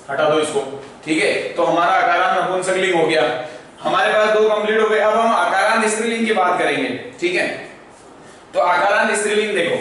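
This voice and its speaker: A male school teacher giving a classroom lecture, chanting grammar forms in a slow sing-song tune and checking in often with "okay?". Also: sits high, a bit bright. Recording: very echoey, far from the mic, faint noise.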